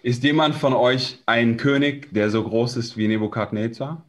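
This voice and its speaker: A German man preaching a sermon in short, conversational phrases, pausing for his interpreter. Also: mid-range voice.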